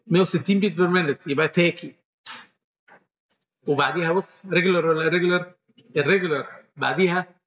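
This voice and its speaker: Male lecturer, Egyptian accent, rapid step-by-step quizzing, dull lo-fi recording. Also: high voice, a bit bright. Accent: Egyptian Arabic. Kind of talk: medical lecture with questions to students.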